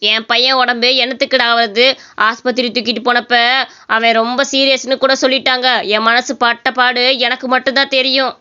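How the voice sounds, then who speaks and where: A harsh, bossy shop owner from a cartoon story barks threats at his worker, voiced by a woman. The voice sits high and bright with a crisp, clear edge. The audio is dull and lo-fi. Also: little pitch movement, fairly quick. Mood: angry. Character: greedy middle-aged male chicken shop owner.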